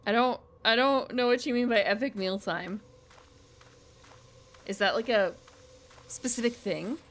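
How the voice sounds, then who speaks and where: An American streamer gives casual, rambling live commentary on a game while chatting informally with her viewers. Her voice is a little high and fairly bright, at a measured pace.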